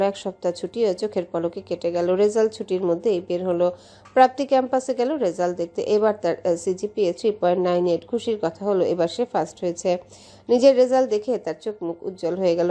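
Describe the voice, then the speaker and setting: A woman from Bangladesh with a mid-range voice reads a romance story as an audiobook, narrating in a steady, measured way.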